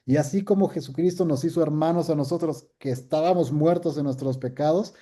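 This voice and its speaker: A middle-aged pastor teaching a casual Bible class, chatty and jokey, acting out little quoted scenes. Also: male voice, on the high side, a little fast, mellow.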